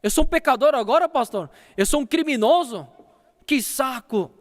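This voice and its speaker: A man's voice: extremely high pitch, smooth, long reverb tail. A man acting out an evasive young churchgoer. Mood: exasperated. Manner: hurried excuses, exasperated outbursts. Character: young male churchgoer, apologetic yet evasive.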